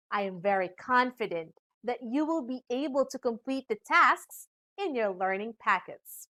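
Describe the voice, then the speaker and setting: A woman's voice: fairly high pitch, a bit bright. A woman teacher, giving a scripted virtual lesson in an upbeat way and stressing key words in a sing-song manner. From Philippines. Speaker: English teacher.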